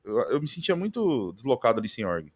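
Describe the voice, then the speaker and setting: A man's voice: medium pitch, brisk, breathy edge. A man with a Brazilian accent, a streamer guest chatting casually and slangily about his streams. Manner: slangy, animated, repeats mano and velho. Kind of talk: casual podcast chat.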